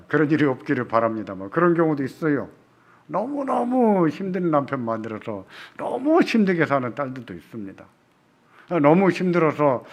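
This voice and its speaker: A man preaching in a church, his higher-than-usual voice moving up and down with lively emphasis. He swings between loud, forceful calls and soft, hushed pleas as he delivers his sermon. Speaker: pastor. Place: church sanctuary.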